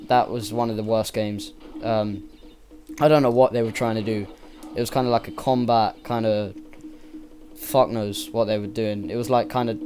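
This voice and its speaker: A man's voice: fairly low pitch, darkish tone. A young man giving casual, rambling gameplay commentary, enthusiastic and swearing freely. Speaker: let's play gamer.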